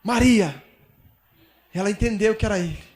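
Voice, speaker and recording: A man with a Brazilian Portuguese accent preaching a sermon as pastor, swinging between soft asides and shouted peaks. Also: very high voice, moderate pace.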